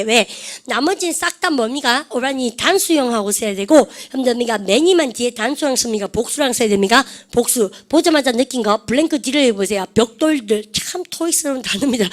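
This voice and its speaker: In an online grammar lecture, a woman English teacher with a fairly high voice keeps firing questions at her students and has them drill English words aloud.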